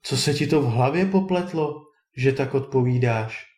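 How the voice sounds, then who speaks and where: A man's voice: mid-range voice, animated, darkish tone, lightly acted. A man voicing a worried peasant mother who chides her son, in a storybook reading. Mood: scolding. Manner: fretful, chiding.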